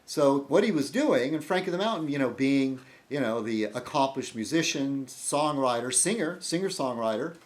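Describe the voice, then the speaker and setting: A man's voice: mid-range voice, expressive, normal speed, hardly any pauses. A man hosting a casual video blog monologue, rambling and breaking off mid-sentence while he answers his commenters. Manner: rambling, self-interrupting, addresses commenters. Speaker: video blogger host.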